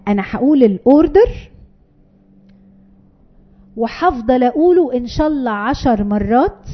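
A woman's voice: high voice, muffled recording. A woman with an Egyptian accent giving a parenting talk to an audience, emphatic, repeating key phrases and acting out short parent and child exchanges. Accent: Egyptian Arabic. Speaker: parenting educator.

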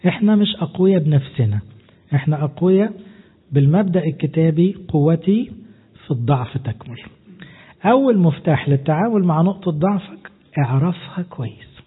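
A man's voice: fairly high pitch, slightly rough. A man preaching with an Egyptian Arabic accent, teaching in a conversational way with rhetorical questions and repeated lists. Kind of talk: sermon. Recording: tinny phone-like sound.

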